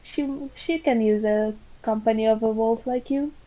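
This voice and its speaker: A woman playing a tabletop game, describing her character's actions in measured phrases. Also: on the high side, mellow. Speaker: player. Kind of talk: casual tabletop game play. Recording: dull lo-fi mic.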